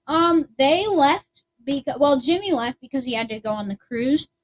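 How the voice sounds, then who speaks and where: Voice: sits high, expressive, normal speed, muffled recording. A podcast co-host chatting casually, giggling and losing her train of thought. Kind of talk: casual chat.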